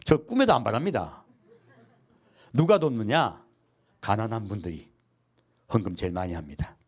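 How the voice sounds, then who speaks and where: A man's voice: on the low side, moderate pace, slightly rough. A man preaching a sermon as pastor, asking his congregation questions and answering them himself. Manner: lively preaching with call-and-response questions and acted quotes.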